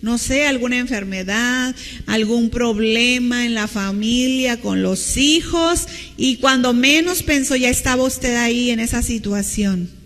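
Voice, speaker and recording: A woman's voice: fairly high pitch, measured pace, a bit bright, big-room sound, soft background music. A woman pastor with a Mexican Spanish accent, preaching a teacherly sermon and asking the congregation questions. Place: church hall with long reverb.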